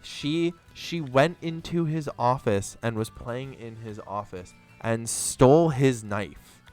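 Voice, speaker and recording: Faint music sits behind a young man's slow, mid-range voice, which has a slightly mellow quality. He's gaming and chatting loosely, wandering through a story and cursing without restraint.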